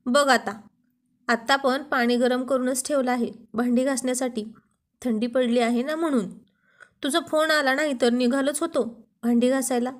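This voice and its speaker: A woman with a high, light voice narrates a story. She reads the dialogue in a lively, playful way. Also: moderate pace.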